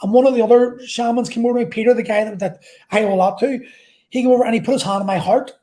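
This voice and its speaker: A woman vlogger telling an intense personal story in a halting way, repeating phrases and swearing. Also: fairly high pitch, steady tone, warm tone.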